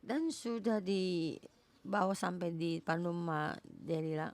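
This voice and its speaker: Female preacher, lowish gravelly voice, halting sermon delivery with emphatic repeats. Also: no room sound.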